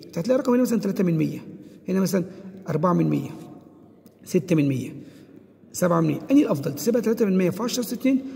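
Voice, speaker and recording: Egyptian man as a teacher, high lively delivery, quizzes himself and hammers points, recorded in an echoey room with a long tail. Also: vocal fry. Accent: Egyptian Arabic. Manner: asks rhetorical questions and answers them himself; drills key points by repeating them. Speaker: physics teacher. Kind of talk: exam-prep lesson.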